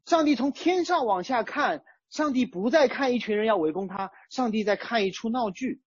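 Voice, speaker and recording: Preacher, sermon, chatty everyday examples, husky tone, animated pitch, dry muffled sound. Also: normal speed, no echo. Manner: conversational, uses everyday chat-group analogies. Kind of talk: sermon on a psalm.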